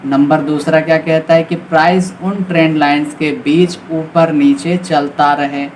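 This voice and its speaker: Teaching a beginners' trading lesson, a man with an Indian accent keeps things informal and explanatory, regularly checking in with brief confirmations. His delivery is flat and a little slow, in a slightly high voice. There's clear noise and background ambience throughout.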